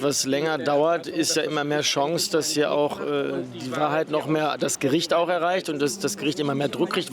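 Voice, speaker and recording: A man answering in a street interview outdoors, hesitant with many fillers. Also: fairly high pitch. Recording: crowd chatter behind.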